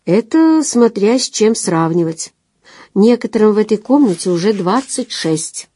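A woman's voice: medium pitch, lively intonation, measured pace, dark tone, dry recording. A woman reading a wry, evasive young man. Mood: ironic. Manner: ironic, dry understatement. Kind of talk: audiobook dialogue reading.

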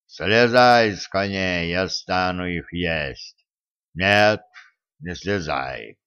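A giant male stone monster rumbles out his threats in a booming, hollow voice, as a male audiobook reader puts him on. He drags each word out slowly and mockingly, low in pitch. The recording sounds dull and lo-fi. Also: a bit bright, clear, resonant tone, full character voice. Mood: menacing. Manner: slow, drawn-out threatening speech.

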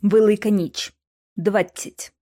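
A woman reading a novel aloud as an audiobook narrator, with expressive storytelling. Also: mid-range voice, slow pace. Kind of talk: scripted narration.

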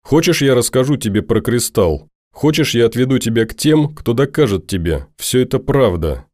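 A man's voice: mid-range voice, lively intonation, moderate pace, darkish tone, no room sound, studio quality, natural voice. A man voicing a fiery, pleading young woman. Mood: angry. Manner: insistent, scolding, pleading.

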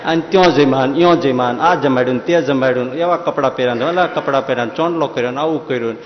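A man's voice: mid-range voice, quick pace, slight background noise. A man, a swami, giving a Gujarati religious discourse, chanting verses and acting out the voices in his stories. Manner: animated storyteller, chants Sanskrit verses, acts out dialogue. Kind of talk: Gujarati katha sermon with storytelling. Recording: echoey hall, dull lo-fi sound, faint ambience.

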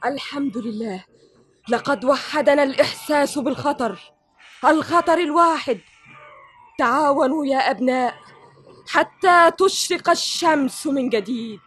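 A woman's voice: sits high, moderate pace, a bit bright, soft background music. A stern caring mother. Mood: admonishing. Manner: scolding, admonishing.

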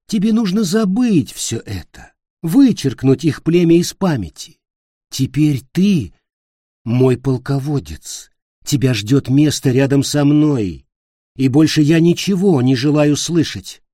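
A man reading an audiobook, voicing a proud, imperious fairy queen in a higher, louder voice. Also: lively intonation, measured pace, no room sound, clean studio sound.

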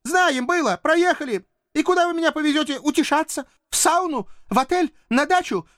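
A man voicing a tearful, hysterical young woman in an audiobook, shrill and squealing. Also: expressive, fairly quick, a bit bright, dry recording, clean studio sound.

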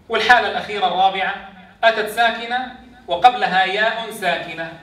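A man's voice: high voice, bright, forceful tone. A man, teaching a class on recitation rules and quizzing his students. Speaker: Quran teacher. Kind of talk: classroom lesson on tajweed rules. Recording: echoey classroom, voice from far off.

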